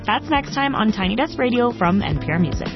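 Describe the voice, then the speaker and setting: A woman's voice: fairly high pitch, big pitch swings, a little fast. Woman reading a radio promo through a tinny radio. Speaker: radio show host. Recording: lo-fi radio broadcast with music.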